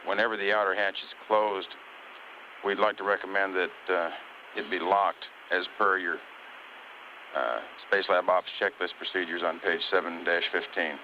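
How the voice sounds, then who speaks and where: A man working as a mission control communicator, talking to a spacecraft over radio in a measured, polite, procedural way. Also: sits low, steady tone, sharp tone. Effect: radio transmission. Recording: dull hissy air-to-ground space radio.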